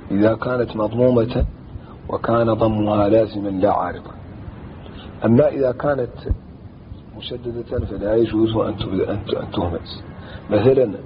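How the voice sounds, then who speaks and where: A man teaching a traditional Arabic grammar lesson, explaining slowly and deliberately and chanting lines of verse as he repeats them. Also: fairly low pitch. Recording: dull lo-fi recording with faint background noise.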